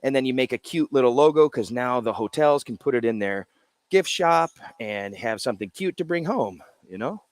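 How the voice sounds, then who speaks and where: A man's voice: medium pitch, animated, normal speed, no echo. Chatty man showing off beer cans, dry sound. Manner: explains while showing cans, loose and chatty. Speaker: brewery co-founder, guest. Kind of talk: casual interview chat. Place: brewery in a Japanese spa town.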